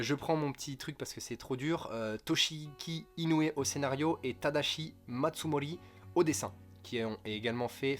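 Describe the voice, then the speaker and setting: A young man from France chatting casually in a manga wishlist video, rambling, joking and correcting himself, with crude slang, over faint music. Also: mid-range voice. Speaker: manga youtuber.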